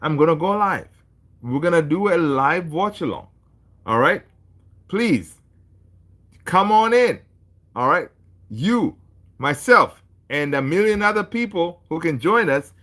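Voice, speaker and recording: A man's voice: fairly high pitch, lively intonation, measured pace, pauses often, a bit bright. A man from Tanzania hosting a casual football livestream, chatting with viewers in a laid-back, chummy way and reading their comments aloud. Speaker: football channel host.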